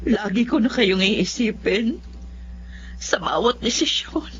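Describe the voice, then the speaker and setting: In a Filipino radio drama, an actress with a Filipino accent plays a remorseful, hot-tempered middle-aged mother, acting and narrating in first person with an ashamed, pleading mood. Her medium-pitched voice is expressive and slow, over dull lo-fi radio sound with a little hiss or hum and music underneath.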